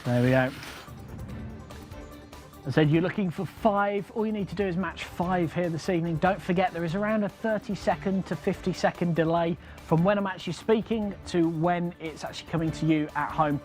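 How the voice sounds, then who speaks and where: Male bingo caller, high voice, live-stream host, repeated number patter, faint music behind. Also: moderate pace, a little mellow.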